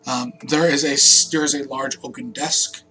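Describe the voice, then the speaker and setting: A man running a tabletop game as game master, improvising descriptions in a casual, halting way. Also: mid-range voice, fairly even intonation, music in the background, low-quality recording.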